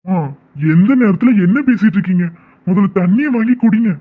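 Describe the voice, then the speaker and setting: Actor voicing a fed up cartoon son, raspy, sounds like over a phone line. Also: mid-range voice, brisk, natural voice. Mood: panicked worried. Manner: firm, exasperated, then panicked. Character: young adult son, stubborn, refusing an arranged marriage. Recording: tinny phone-like audio.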